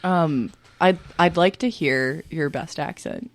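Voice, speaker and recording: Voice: mid-range voice, slow. A co-host of a casual podcast chat who jokes playfully and laughs often.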